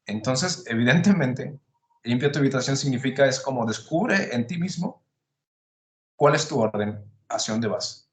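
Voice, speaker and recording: A man lays out his ideas in a relaxed, conversational way, often asking himself a question and then answering it. His voice sits at a middle pitch. The room around him has a noticeable echo. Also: normal speed. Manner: thoughtful, builds arguments with rhetorical questions. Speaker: podcast host explaining psychology. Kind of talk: casual explanatory conversation.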